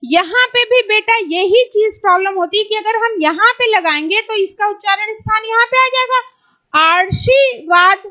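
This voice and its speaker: Woman teacher, very high bright voice, unhurried, patient, repeats words slowly, quizzes herself aloud. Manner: asks and answers her own questions. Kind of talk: exam-prep grammar lesson.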